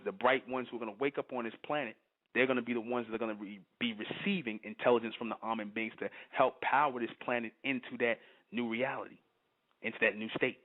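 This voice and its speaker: Fiery preacher-like man on a tinny line. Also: medium pitch. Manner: fiery, repeats "you understand?", works himself up. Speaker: channel host giving a spiritual talk. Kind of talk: impassioned monologue. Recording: tinny phone-like audio.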